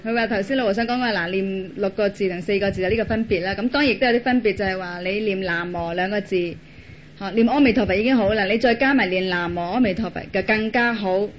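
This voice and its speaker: Fast-talking interpreter repeating a talk line by line, muffled recording, bit of hiss. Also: medium pitch. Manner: repeats each phrase briskly, plain and steady. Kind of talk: live consecutive interpretation of a talk. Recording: dull lo-fi recording with faint noise.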